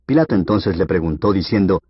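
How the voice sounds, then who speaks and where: A man with a low, husky voice reads scripture aloud at a steady, measured pace, as an audiobook. The recording is dry and dull, with a lo-fi edge. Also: dry recording. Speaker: Bible reader.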